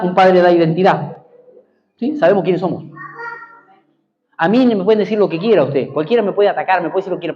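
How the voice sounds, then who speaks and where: High-voiced Argentine preacher. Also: male voice, highs cut off, a little hiss or hum. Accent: Argentine Spanish. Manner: emphatic, repeats key phrases, calls out for amens. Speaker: pastor. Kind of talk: preaching a sermon.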